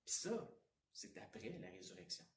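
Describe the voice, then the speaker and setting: A man with a Quebec French accent preaching a Sunday sermon, swinging between emphatic outbursts and hushed asides. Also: medium pitch, huge pitch swings, moderate pace, roomy sound, far from the mic, noisy background. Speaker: pastor. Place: church sanctuary.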